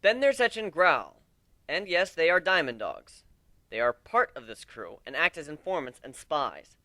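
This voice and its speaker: Brash griffin captain played by a man, high, swooping, commanding delivery for a fantasy story. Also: very animated, normal speed, dry recording. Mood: loud, commanding. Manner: loud, commanding, speechifying. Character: brash, cocky male griffin captain addressing his crew.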